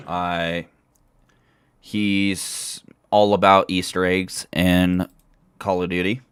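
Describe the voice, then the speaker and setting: A man's voice: deep voice, clear, resonant tone, no echo. A man hosting a casual gaming podcast over an online call, rambling with lots of fillers. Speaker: podcast host.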